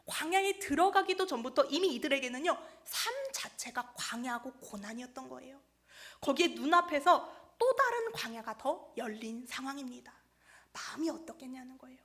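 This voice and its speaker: A woman's voice: sits high, a bit bright. A woman evangelist preaching a Sunday sermon in a church, telling a story and acting out the quoted people.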